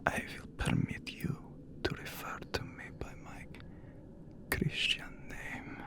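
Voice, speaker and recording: A man voicing a haughty, courtly, immortal vampire count in a breathy, whispered ASMR roleplay, with formal, archaic phrasing. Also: takes it slowly, close to an everyday voice.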